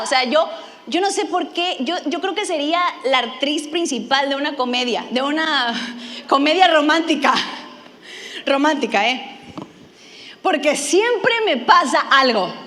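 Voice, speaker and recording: A woman's voice: sits high, a bit bright. A woman from Mexico, preaching a sermon and telling a funny personal story, acting out her own lines with animation.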